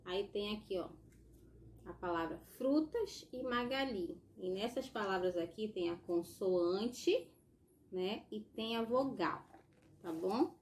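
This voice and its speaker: A woman's voice: mid-range voice, takes it slowly, darkish tone, slight background noise. A woman with a Brazilian accent, a primary school teacher giving a recorded lesson to young children, patient and explanatory, often checking in with short tags. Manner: patient and explanatory, tagging sentences with "tá?" and "ó".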